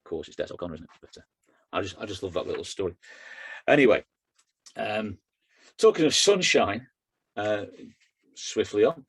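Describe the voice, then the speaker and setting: A middle-aged man, a poet, chatting loosely at a book launch and then reciting his own verse in a steady rhythm. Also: lowish voice, moderate pace, long pauses, husky. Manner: chatty and rambling with fillers, rhythmic when reciting. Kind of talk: book launch talk and poetry reading.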